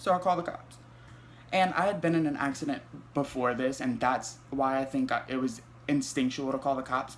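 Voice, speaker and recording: A young man, telling a storytime vlog in an animated, profane way full of fillers. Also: on the high side, a little hiss or hum. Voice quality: light voice. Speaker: vlogger.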